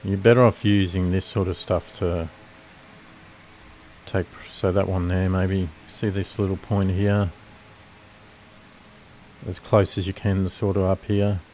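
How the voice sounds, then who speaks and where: Lowish, nasal male streamer; loose, rambling live-trading commentary full of restarts. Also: level tone, slow, pauses often, darkish tone, slight background noise. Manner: rambling, self-correcting explanation with fillers. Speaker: futures trader streaming live.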